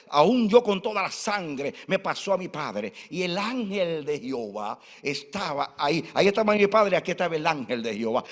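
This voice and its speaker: A man's voice: fairly high pitch, a bit bright. A man in his sixties, a pastor giving a fervent sermon full of personal testimony in a church hall. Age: 60s. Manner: fervent, personal storytelling preaching. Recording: long church-hall reverb.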